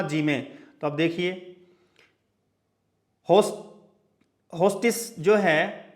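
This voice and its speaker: A male teacher giving a lecture, who spells out example words letter by letter and keeps checking in with his listeners. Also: sits high. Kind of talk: classroom lecture.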